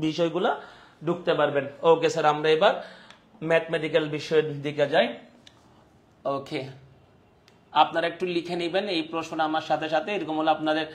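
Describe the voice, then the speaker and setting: Running a live online lesson, this slightly high-voiced man with a Bangladeshi accent goes over his points repeatedly and keeps asking if students are following along.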